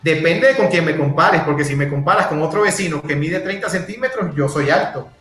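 A man speaking as a guest, giving a direct, emphatic motivational talk with lively examples. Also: fairly high pitch, brisk, roomy sound, soft background music.

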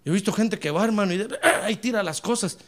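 A male preacher delivering a fervent sermon, bursting into shouted praise and mixing in humorous asides. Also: high voice, fast talker.

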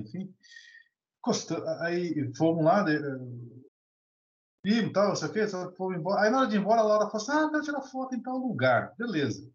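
This is an animated Brazilian man, noted as São, with a fairly high pitch. A teacher taking part in a discussion, he tells casual stories and shares opinions in a colloquial way, restarting often, on an echoey lo-fi recording.

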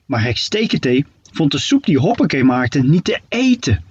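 Here the same male storyteller keeps a normal speed while reading a children's story with playful, expressive flair and a lively lilt. His somewhat high, husky voice comes through muffled and dull.

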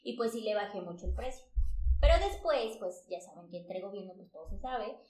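A woman with a Mexican accent, a travel agency head and podcast guest, telling lively stories in casual chat, full of fillers like "o sea" and "pues". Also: mid-range voice, a little fast. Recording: roomy echo.

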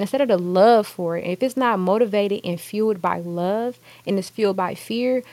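Young adult woman, mid-pitched, conversational and earnest podcast host, dry studio-close sound. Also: dry recording. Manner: earnest, conversational, acts out quoted thoughts. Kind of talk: motivational podcast monologue.

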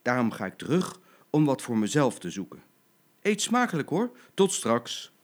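Storybook mother lioness, fierce and domineering, forceful delivery, voiced by an old man. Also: mid-range voice, sing-song, normal speed, background noise. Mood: motherly. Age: older. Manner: scolding, forceful.

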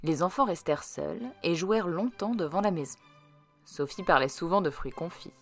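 A woman reading a children's storybook aloud in an expressive way, turning hushed at tense moments. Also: fairly low pitch, normal speed, soft background music. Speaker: storybook reader.

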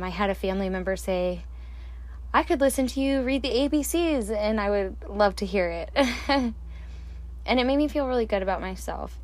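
Late at night, a woman hosts her podcast on her own, speaking slowly and calmly into a handheld or desk mic. Her medium-pitched voice is soft and soothing, and she laughs quietly as she reflects in a solo monologue.

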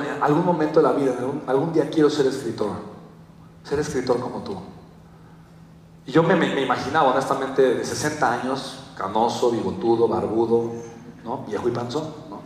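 A young Mexican motivational speaker with a Mexican Spanish accent tells a story and animatedly acts out quotes. His voice is medium-pitched and a little mellow. The recording comes from far off in an echoey hall, with slight background noise.

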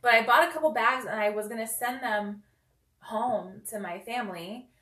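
A woman's voice: fairly high pitch, moderate pace, sharp tone. A young woman co-hosting a podcast, recapping a TV episode in casual, rambling chat full of "like" and "um.". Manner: chatty, uses lots of "like" and "um". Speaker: podcast co-host. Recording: roomy echo.

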